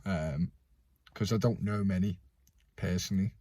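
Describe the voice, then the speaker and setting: A young man hosting a casual fan vlog, his voice going hoarse, rambling with many fillers and restarts. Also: sits low, unhurried, warm tone, dry recording. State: losing his voice. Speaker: fan channel host.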